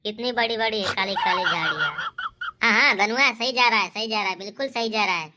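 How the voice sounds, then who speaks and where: A woman's voice: medium pitch, a little fast, heavy background noise, close to an everyday voice. Cheeky cartoon village boy, voiced by a woman. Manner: cheeky, bickering, comic. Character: cheeky bickering village boys, boastful and crude. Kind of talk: comic cartoon voice acting.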